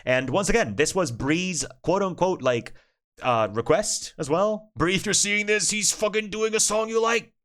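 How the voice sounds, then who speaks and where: A man's voice: high voice, moderate pace, fairly bright tone. A man from Argentina, chatting casually and playfully with his stream chat and swearing freely.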